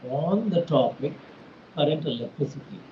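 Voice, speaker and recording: A male physics teacher with an Indian English accent leads an online lesson in formal, winding sentences. His voice sits a little high and comes through a dull, muffled call line with faint hiss. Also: expressive, moderate pace. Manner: formal, roundabout phrasing.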